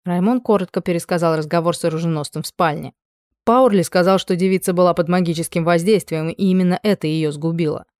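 A woman narrating a romantic fantasy novel in a calm, measured way. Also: on the low side, no echo. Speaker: audiobook narrator. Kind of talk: scripted narration.

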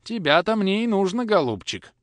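Harsh strict father, as a man puts him on, scolding in high, loud bursts. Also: big pitch swings, moderate pace, dry recording. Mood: angry. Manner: scolding, repetitive.

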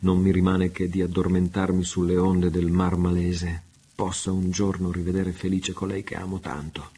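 A grieving, defiant pirate captain speaks in a deep, husky register, as a man reads him aloud. His delivery is declamatory and low, with little rise and fall. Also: completely flat delivery, moderate pace, mellow. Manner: impassioned, declamatory.

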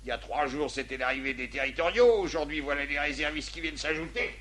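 A man playing a gruff army adjutant in a stage farce, barking scoldings and orders like a drill sergeant. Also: fairly high pitch, fast, fairly bright tone, close to an everyday voice. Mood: exasperated. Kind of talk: theatrical stage farce acting.

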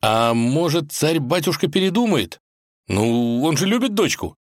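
Guy putting on a squeaky eager young prince, animated, dry close sound. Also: a little slow, no room sound. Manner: high-pitched, breathless, pleading. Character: young male tsarevich, eager, excitable.

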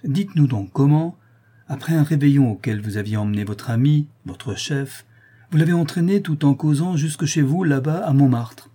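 A man reading aloud, voicing a calm, ironic man who corners a murderer with cool, relentless mockery. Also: fairly high pitch, normal speed, husky, voice pushed up. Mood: coolly mocking.

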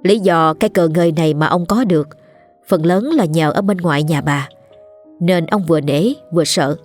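A woman narrating a ghost story in a steady, measured reading voice. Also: sits low. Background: soft background music.

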